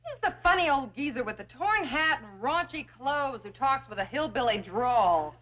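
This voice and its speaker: An actress playing a sassy, wisecracking young bank secretary, in 1960s sitcom style. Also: female voice, sits high, big pitch swings, moderate pace, fairly bright tone, highs cut off.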